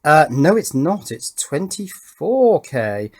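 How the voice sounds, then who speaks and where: A man in his fifties from England speaks slowly in a fairly high, very animated voice. An electronics hobbyist and video maker, he offers casual, rambling commentary while he works, hesitating and second-guessing himself as he thinks out loud.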